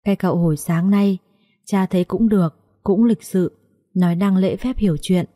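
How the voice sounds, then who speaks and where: Woman doing an old father, husky voice, gentle and tearful, mellow tone, audio storybook. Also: mid-range voice, steady tone, moderate pace, dry recording, studio quality, close to an everyday voice. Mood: tender. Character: poor, gentle old father, loving and humble.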